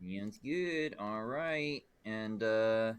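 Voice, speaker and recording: A man's voice: fairly low pitch, expressive, drawn-out words, clear, resonant tone. A man hosting a casual live-streamed game show, upbeat and welcoming, often laughing with guests.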